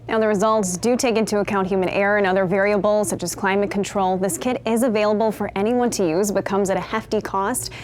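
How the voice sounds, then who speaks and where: An American woman narrates a scripted television news report. Her pitch sits in the middle of the female range, and a faint layer of noise runs behind her voice. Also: steady tone, quick pace, few pauses, darkish tone.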